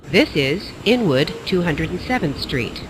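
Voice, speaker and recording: A man's voice: on the high side, big pitch swings, measured pace. A man reading a scripted train station announcement, recorded with some train noise behind him.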